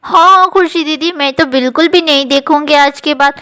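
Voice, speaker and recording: A woman's voice: sits high, normal speed, pushed and bright. A woman voicing an eager little girl doll who explains things earnestly.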